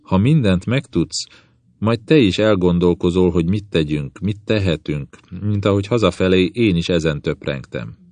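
A man voicing a quiet, tactful envoy. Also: low voice, lively intonation, no echo. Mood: soothing. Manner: quiet, gentle, deferential. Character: quiet, calm, tactful envoy returned from abroad.

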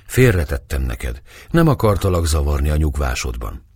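Soft-spoken village wife, man doing her, higher pitched, husky. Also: sing-song, no room sound, heavily acted. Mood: gentle. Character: middle-aged village woman, calm and kind.

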